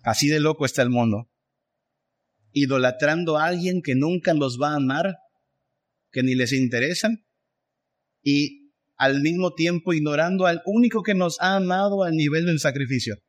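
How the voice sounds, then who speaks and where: A man's voice: fairly high pitch, normal speed, pauses often. A man preaching a sermon, emphatic and full of rhetorical questions. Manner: emphatic, rhetorical questions, acts out voices of others.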